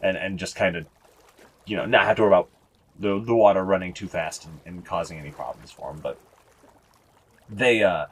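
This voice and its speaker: Rambling young game master, low voice. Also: male voice, brisk, pauses often, breathy edge. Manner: rambling, lots of fillers, profane. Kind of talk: casual narrating of a tabletop game.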